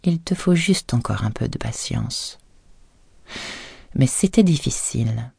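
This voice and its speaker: A woman reads a thriller audiobook in a measured, even storytelling manner. Her voice has a mellow, dark color. It is recorded close and dry on a studio microphone. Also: rumbling low, creaky, breathy edge, dry recording. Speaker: audiobook narrator. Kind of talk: scripted audiobook narration.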